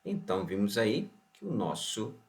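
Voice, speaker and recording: Brazilian man, online science teacher, lowish voice, keeps quizzing the viewer. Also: moderate pace. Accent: Brazilian Portuguese. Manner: animated, asks rhetorical questions and answers them; opens with a Bible verse and blessing. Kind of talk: online lesson.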